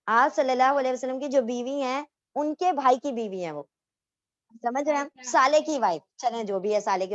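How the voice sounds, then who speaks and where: A woman with a fairly high, slightly mellow voice teaches a casual Islamic history class, explaining things step by step and asking her students questions. She often corrects herself and restarts sentences. The recording sounds muffled.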